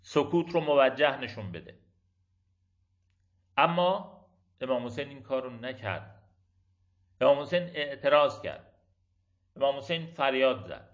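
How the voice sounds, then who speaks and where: A man's voice: medium pitch, expressive, long pauses. Male lecturer, rhetorical, repetition-driven delivery, dull lo-fi sound. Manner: rhetorical and emphatic, builds on repeated phrases. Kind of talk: reflective religious lecture. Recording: dull lo-fi recording.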